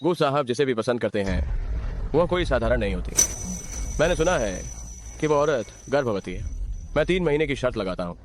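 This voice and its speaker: An actor playing a flippant rich friend in a dubbed drama, talking in a jokey, brash way. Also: male voice, medium pitch, lively intonation, moderate pace, long pauses, lightly acted. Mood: teasing. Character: flippant rich young man, betting friend. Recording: noisy background.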